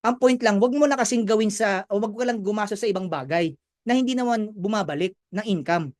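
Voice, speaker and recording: Brief: young male presenter, high voice, dry close sound, lively chatty motivational pitch. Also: fairly quick, dry recording. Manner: energetic, chatty, keeps asking "right?". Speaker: business presenter. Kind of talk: motivational sales talk.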